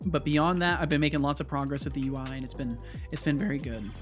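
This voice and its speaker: A man's voice: on the high side, steady tone, quick pace. A man hosting a casual livestream, thinking aloud as he works and chatting with viewers. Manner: thinks aloud, hums to himself. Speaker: game developer livestream host. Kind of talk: casual livestream chat while coding. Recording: music behind the voice. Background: music.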